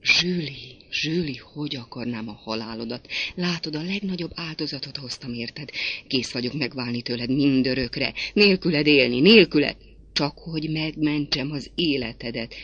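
A man's voice: fairly high pitch, a bit bright, breathy edge. A man playing a desperate, ardent marquis. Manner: passionate, beseeching. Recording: dull lo-fi recording.

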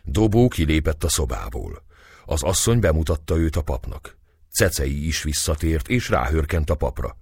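A man reading a historical novel aloud in expressive storybook narration. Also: a bass voice, breathy edge, no room sound, clean studio sound. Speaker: audiobook reader.

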